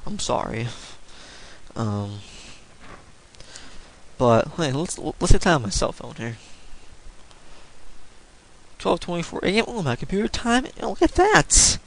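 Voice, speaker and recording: A man with a fairly high voice talks through a home-made storm forecast in a loose, rambling way. He apologizes often and leaps up in pitch when something excites him. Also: takes it slowly, pauses often, low-quality recording. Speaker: amateur weather forecaster. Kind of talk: casual forecast video talk.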